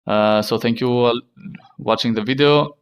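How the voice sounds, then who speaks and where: A man hosting a casual tech tutorial in halting, non-native English, repeating himself and using fillers. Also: medium pitch, smooth. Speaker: tech channel host.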